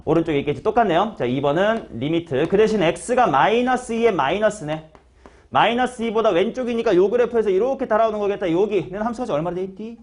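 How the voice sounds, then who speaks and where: A man's voice: high voice, animated, fast. A man teaching a math class, talking casually and quizzing students by name. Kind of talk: classroom lecture.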